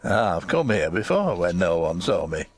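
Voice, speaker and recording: Woman voicing a crabbed old Yorkshire gardener, swooping pitch. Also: big pitch swings, a little slow, slightly rough, no room sound, heavily acted. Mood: dry. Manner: testy, dry, dialect speech.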